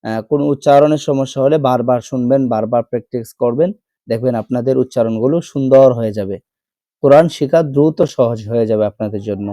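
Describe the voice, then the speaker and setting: A man with a Bangladeshi Bengali accent leads an online Quran reading lesson, patiently repeating each letter sound in a steady rhythm. His voice is mellow and warm, at an ordinary pitch for a man. The recording is dry and close, with no room around it. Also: no echo. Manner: slow repetitive drilling of letter sounds.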